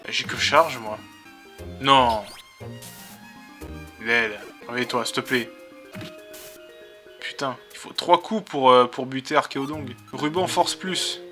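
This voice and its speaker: Male let's-player, casual muttered commentary, slow delivery, bright tone, sore throat. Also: mid-range voice, soft background music. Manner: swears, mutters to himself. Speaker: let's play host.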